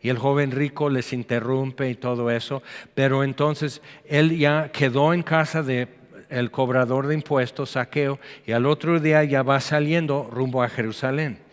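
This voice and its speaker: A man's voice: medium pitch, steady tone, moderate pace. A man, preaching a sermon in a chatty style, reading scripture and breaking into acted quotes. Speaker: pastor. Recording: long hall reverb.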